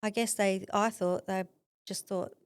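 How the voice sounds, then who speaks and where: A woman's voice: mid-range voice, measured pace, clear, resonant tone, no echo. Australian woman telling a personal story. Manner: animated, acts out quoted voices, laughs often. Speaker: podcast guest. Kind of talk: conversational storytelling.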